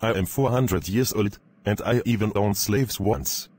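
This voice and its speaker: A man voicing an ancient male vampire with a thick German accent, speaking slowly and earnestly. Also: fairly low pitch, heavy background noise, natural voice. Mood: solemn. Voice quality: thick accent, slow measured speech.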